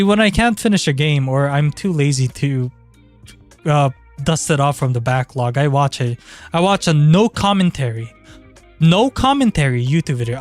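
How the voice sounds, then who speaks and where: A man chatting casually on a livestream in an informal, sweary, rambling way. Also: a little high. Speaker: streamer. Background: background music.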